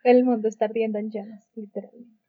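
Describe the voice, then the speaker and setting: A woman's voice: on the high side, flat delivery, fast talker, no room sound. A woman co-hosting a podcast in casual chat, playful and wry, prone to giggling, on slightly muffled audio. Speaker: podcast co-host.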